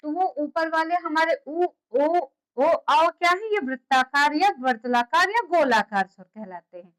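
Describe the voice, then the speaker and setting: Slow, high-voiced woman teaching a class. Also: animated, poor audio. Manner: repeats key terms slowly, quizzing students with questions. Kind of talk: classroom lecture.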